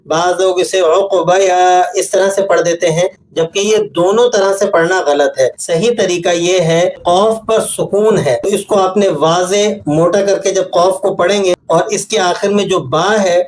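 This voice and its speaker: A man teaching correct Quranic pronunciation in a patient, corrective way, demonstrating words slowly. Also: sits high, fairly even intonation, slight background noise. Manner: patient, corrective explaining, with slow demonstrated examples. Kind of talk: instructional tajweed lesson.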